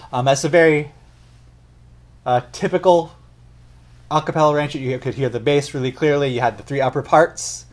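Young adult man, mid-range pitch, casual reaction host; rambling, self-correcting explainer. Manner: chatty, explains at length and corrects himself. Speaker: music reaction channel host. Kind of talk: casual reaction and analysis talk.

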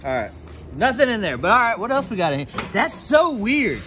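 A man's voice: high-pitched, fairly quick. A man, chatting casually to camera while unboxing finds outdoors at storage units. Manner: chatty, animated, jokey asides. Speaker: storage unit vlogger. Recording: outdoor recording with clear background noise.

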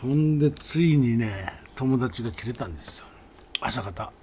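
A man with a Kansai accent recounts a comic anecdote in a chatty manner. His intonation rises and falls in a lively way, at a middling pitch. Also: normal speed, a little hiss or hum. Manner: animated, conversational.

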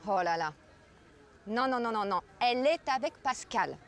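A woman's voice: on the high side, lively intonation, moderate pace, slight background noise. A woman in her thirties playing a fussy café owner in a scripted language-course drama, scolding and exclamatory. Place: café, indoors and on a terrace.

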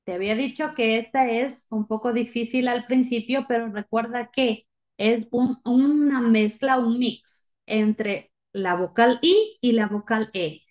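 Female pronunciation teacher, a little high-pitched, speaks slowly and patiently, models each sound. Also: darkish tone. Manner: slow and deliberate, modelling sounds for repetition. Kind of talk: slow, patient spoken lesson.

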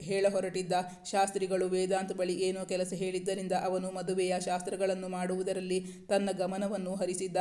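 High, flat-voiced male storyteller. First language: Kannada. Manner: even, steady reading with small restarts. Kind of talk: scripted story narration.

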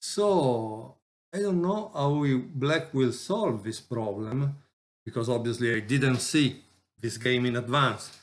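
Halting man, slow chess lesson host, many fillers. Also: medium pitch.

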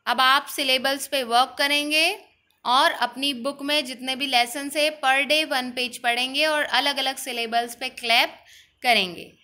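A woman with an Indian accent teaching an online English class to young children, drilling words slowly one by one and asking her pupils many questions. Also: high voice, steady tone, pushed and bright.

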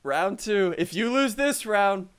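An excitable young man commentates a video game. His voice is high and swings widely in pitch as he repeats himself. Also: clean tone. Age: young adult. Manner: excitable, repeats words rapidly. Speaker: gaming video co-host.

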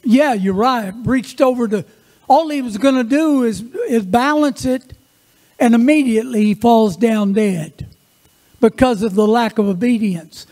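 A male preacher giving a sermon in church, telling Bible stories in a lively, folksy way with joking asides. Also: extremely high pitch, measured pace. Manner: animated, folksy storytelling with asides. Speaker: guest preacher.

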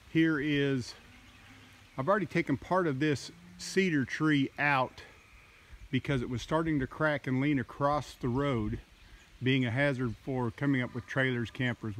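A man narrating a casual walking tour of his wooded farm outdoors, talking in a slow, halting way with many fillers, recorded on a handheld phone. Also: medium pitch, steady tone. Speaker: farmer vlogger. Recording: faint outdoor noise.

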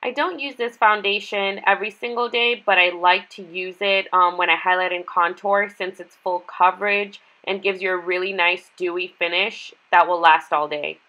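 Bright, congested, nasal young woman. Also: on the low side, steady tone, normal speed, hardly any pauses. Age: 20s. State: nasal, congested from being sick. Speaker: beauty vlogger. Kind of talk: makeup tutorial narration, casual. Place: small bedroom, indoors.

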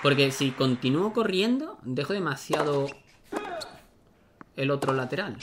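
A man giving excitable, casual commentary on his own gameplay, talking to himself as he plays. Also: fairly high pitch, measured pace, background noise. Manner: excitable, talks to himself while playing. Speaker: gaming YouTuber.

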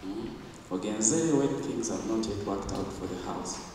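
Young Ugandan man, grandson's eulogy, halting, low-pitched, distant in a reverberant church. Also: noisy background. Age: young adult. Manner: halting, searching for words. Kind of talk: funeral eulogy. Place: church hall. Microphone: handheld mic. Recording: echoey church from far off.

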